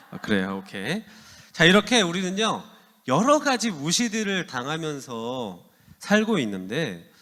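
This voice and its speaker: A man's voice: high-pitched, fairly bright tone. A man in his thirties, a youth pastor giving a playful, casual sermon that asks the teens questions. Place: church hall. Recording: long hall reverb.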